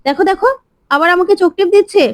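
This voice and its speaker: A scheming young wife cries foul in a shrill, high, accusing voice, as a woman narrator reads her part. Her words come fast and complaining. The sound is dry and close to the mic. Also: darkish tone, dry recording, natural voice.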